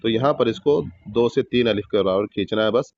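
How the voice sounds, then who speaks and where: A man teaching Quran recitation step by step, patiently explaining each rule and repeating words slowly in drawn-out chant as examples. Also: fairly low pitch, no echo, dull audio. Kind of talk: step-by-step tajweed lesson.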